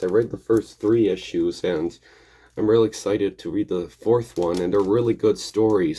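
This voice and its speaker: A man with a slightly hoarse, gravelly voice from getting over an illness, chatting in a casual, rambling, hesitant way as a video host. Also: lowish voice, mellow. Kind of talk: casual rambling vlog chat.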